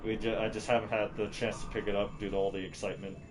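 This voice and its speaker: A man's voice: fairly low pitch, level tone, quick pace, soft background music, rough recording. A man livestreaming a game and chatting casually with his viewers. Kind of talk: casual gaming livestream chat.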